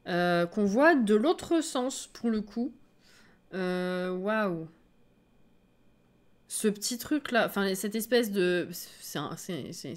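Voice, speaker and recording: A woman streamer reacting live to a game trailer, excitable, laughing often and thinking aloud. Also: mid-range voice.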